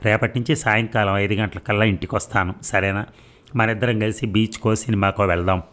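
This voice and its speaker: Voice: mid-range voice, fairly even intonation, a little fast, fairly bright tone, lightly acted. A man reading aloud as a short-tempered husband with an angry, commanding way of speaking. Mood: pleading. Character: short-tempered husband, stern then pleading.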